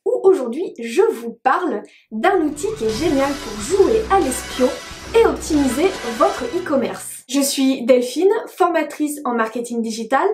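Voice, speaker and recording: A woman's voice: sits high, darkish tone, reverberant. A woman, a digital marketing trainer, explaining a web tool in a chatty tutorial with frequent hesitations.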